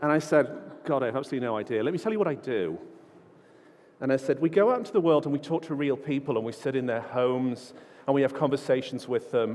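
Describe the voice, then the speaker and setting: A man's voice: medium pitch, darkish tone. A man giving an informal, self-deprecating keynote talk full of stories at a large conference. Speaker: conference speaker. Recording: long hall reverb.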